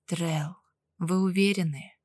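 A woman's voice: sits low, fairly even intonation, dry recording, pitched below the performer's own voice. A woman voicing a weak middle-aged male patient in pain, speaking in a strained, wheezing, hesitant way. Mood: strained, wary. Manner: hesitant, quiet, halting.

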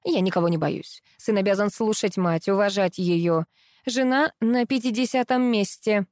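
A woman's voice: mid-range voice, moderate pace, no echo, studio quality, close to an everyday voice. A woman voicing a domineering, scolding middle-aged mother-in-law in an audiobook reading. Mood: indignant. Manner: commanding, sharp, scolding.

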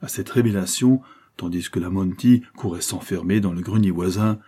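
A man narrates an audiobook with dramatic, measured delivery. His voice sits low with a deeply husky grain. The tone is dark and mellow throughout. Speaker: audiobook reader.

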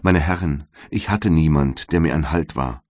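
A man's voice: a bass voice, moderate pace, a little mellow, no echo. Man reading as Justine, a weeping condemned young maid. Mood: despairing. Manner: tearful, imploring. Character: condemned young servant woman, weeping and devout.

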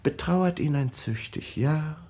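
A sly devil with a mocking, honeyed tongue. He speaks slowly and swings his pitch wide, leaning theatrically on each line in a 1950s radio play. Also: animated, darkish tone. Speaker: actor playing Mephistopheles. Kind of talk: 1950s German radio drama acting.

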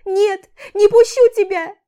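A woman voicing a hysterical young woman who screams, sobs and pleads in a shrill voice. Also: steady tone, unhurried, mellow. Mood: screaming hysterically. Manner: shrill, pleading, shrieking to a squeal. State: crying.

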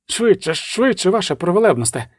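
A man's voice: high-pitched, animated, fast, a little mellow, dry recording, studio quality. Trembling pleading retainer by a male reader, shaky urgent voice, audiobook. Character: trembling anxious male retainer urging flight.

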